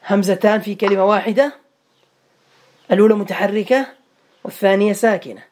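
A man's voice: sits high, brisk, darkish tone. Male teacher drilling students online. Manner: quizzes students by name, repeats words for drilling. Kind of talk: online Arabic grammar lesson.

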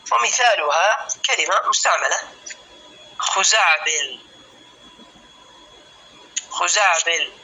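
A man teaching a classical Arabic lesson, slowly spelling out word patterns syllable by syllable and calling students by name. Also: high-pitched, lively intonation, bright, forceful tone, a little hiss or hum, rough recording. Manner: addresses students by name, asks if clear.

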